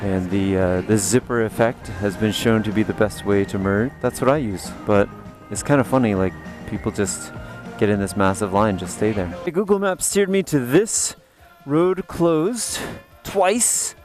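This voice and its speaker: A man talking inside his motorcycle helmet while riding on a rainy highway, giving chatty, wry commentary. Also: animated, a little slow, soft background music. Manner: chatty, wry, thinking aloud. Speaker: motorcycle vlogger. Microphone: helmet mic. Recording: loud wind and road noise.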